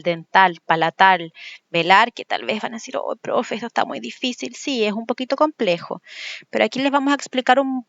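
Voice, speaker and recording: A woman teacher gives a recorded lecture, explaining patiently and slowly repeating example words. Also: fairly high pitch, a bit bright, no room sound, muffled recording. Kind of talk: recorded lecture on speech sounds.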